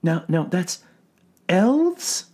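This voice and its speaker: Man playing a calm female psychiatrist, flat and clinical, lifted high, read slowly. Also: heavily acted. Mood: probing. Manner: flat, measured, soothing. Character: composed female asylum doctor, clinical.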